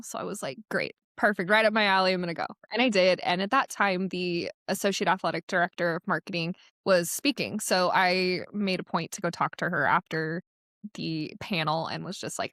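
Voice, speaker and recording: A woman's voice: lowish voice, a bit bright, no room sound. Young woman, casual interview guest, laughs easily, dry studio sound. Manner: chatty, laughs often. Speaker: guest, associate director of athletics marketing.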